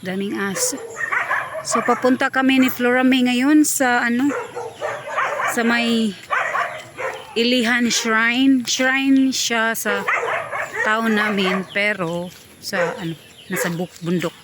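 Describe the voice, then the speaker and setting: Cebuano-accented woman vlogging on a walk, short of breath, slow and chatty, exclaiming at what she passes. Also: on the high side, fairly even intonation, heavy background noise. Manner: chatty, exclaims at sights along the way. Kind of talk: casual walking vlog. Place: outdoors on a hillside path.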